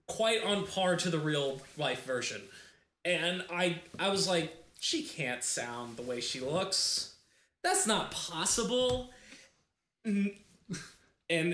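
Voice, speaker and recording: Man, podcast host, casual joking chat, bright tone, roomy echo. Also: fairly high pitch. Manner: joking, animated storytelling.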